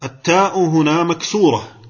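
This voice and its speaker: Husky-voiced male grammar teacher. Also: fairly high pitch, moderate pace, dull audio. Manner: explains step by step, quizzes and praises students. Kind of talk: classroom grammar lesson.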